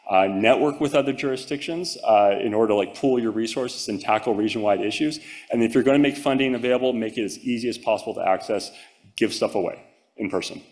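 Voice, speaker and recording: A conference presenter gives a talk and fields audience questions in a casual manner, full of "um"s, "like"s, fillers and restarts. His voice sits on the low side, is a little mellow, and moves fast.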